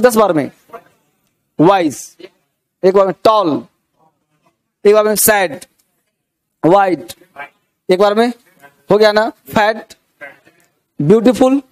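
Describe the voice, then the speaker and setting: A man's voice: high voice, darkish tone. A man teaching a grammar lesson, often checking that students have understood and coaxing them along, with an Indian accent on English words. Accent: Indian English words in Hindi.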